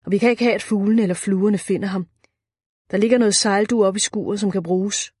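A woman's voice: mid-range voice, husky, no echo, studio quality, close to an everyday voice. Tom, a woman reading as a lighthouse keeper. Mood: calm. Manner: shouts urgently, then speaks calmly. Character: tall male lighthouse keeper, steady.

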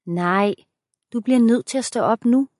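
A woman's voice: on the high side, mellow, no echo, studio quality, natural voice. A woman voicing an exasperated young mother who is trying to hurry her husband, speaking impatiently and pleadingly.

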